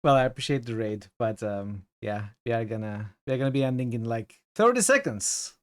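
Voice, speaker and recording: A man's voice: mid-range voice, animated, fairly quick. A man chatting casually on a live game stream in a friendly way. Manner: friendly, thanking viewers.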